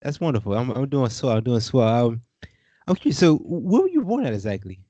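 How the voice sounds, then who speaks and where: Male podcast host interviewing a guest, lively intonation, curious, upbeat, dry recording. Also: mid-range voice, fairly quick, no room sound. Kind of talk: casual interview.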